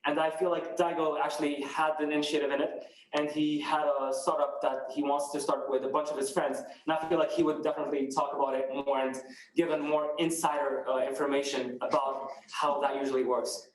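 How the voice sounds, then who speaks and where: A man's voice: a little high, flat delivery, brisk, a little hiss or hum. A man from Morocco, a student, chatting in an upbeat way with fillers over a video call. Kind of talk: casual chat. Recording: echoey room.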